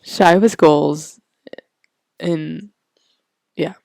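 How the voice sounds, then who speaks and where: A woman's voice: sits low, fairly even intonation, drawn-out words, vocal fry, mellow, dry recording, studio quality. A young woman co-hosting a podcast, laid-back and hesitant, with many ums. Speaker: podcast co-host. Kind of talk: casual chat.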